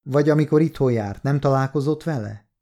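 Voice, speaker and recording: A man's voice: medium pitch, lightly acted. A man reading a polite, probing detective. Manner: courteous, gently probing questions. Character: polite, persistent male police detective.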